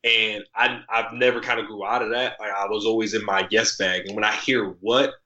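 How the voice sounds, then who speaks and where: A man guest on a podcast, telling stories in a casual, animated way, full of slang and "like," jumping up in pitch often. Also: fairly quick. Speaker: podcast guest, article writer. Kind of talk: casual conversational storytelling. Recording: roomy, slightly dull podcast audio.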